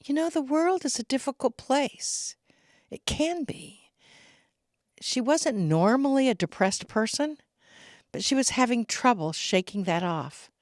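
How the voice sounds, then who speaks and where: A middle-aged woman gives an inspirational spiritual talk, slow and reflective yet animated, laughing between her stories. Her voice sits high, captured in a dry, studio-quality recording.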